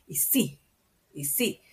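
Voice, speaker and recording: As a guest in an interview, a woman from Medellín with an Antioquian paisa accent speaks extremely slowly. Her explanations are expressive and conversational, with frequent tag questions to check in.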